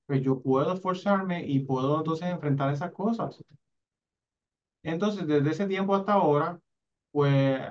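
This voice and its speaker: A man speaks in a slightly raised register, telling his story haltingly with many restarts and a habitual tag question. The recording is dull and muffled, and he sits a little back from the microphone. It sounds like an interview. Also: fairly high pitch, recorded from a distance. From Puerto Rico. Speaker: interviewee, sign language interpreter.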